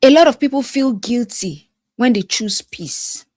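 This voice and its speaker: A woman's voice: on the high side, lively intonation, darkish tone, no room sound. Woman life coach, motivational delivery, preacher-like rhythm with whispered asides, dry recording. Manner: emphatic, repetitive, preacher-like cadence with pauses. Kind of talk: motivational talk to camera.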